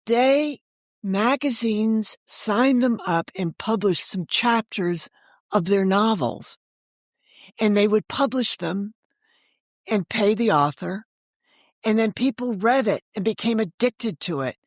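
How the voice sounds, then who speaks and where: Speaking slowly in a mid-range voice, a former book editor turned author, now an older woman, tells animated stories as a podcast guest. She acts out dialogue and leans on rhetorical questions, and the studio-quality audio has no echo.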